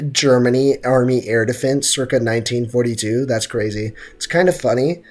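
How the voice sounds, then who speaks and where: Speaking at a normal speed in a mid-range voice, a gaming streamer banters with the audience. His livestream talk is laid-back, slangy, joking, and mock-boastful.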